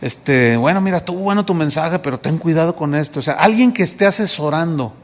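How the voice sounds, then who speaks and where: A man's voice: a little high, brisk. A male pastor with a Mexican Spanish accent, preaching a sermon and telling a story in which he acts out the dialogue. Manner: lively storytelling, acting out dialogue. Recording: long reverb of a church hall.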